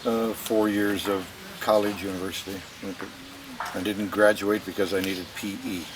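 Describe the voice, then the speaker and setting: A man in his sixties with an American accent, telling personal stories casually in a rambling, halting way as an interviewee. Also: lowish voice, little pitch movement. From United States. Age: 60s. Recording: distant microphone with noisy ambience.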